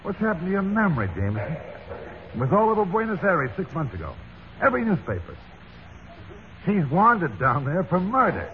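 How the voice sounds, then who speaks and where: Animated hard-boiled police sergeant. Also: male voice, high-pitched, moderate pace, long pauses. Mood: needling. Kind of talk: old radio drama acting. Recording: dull, slightly noisy old radio recording.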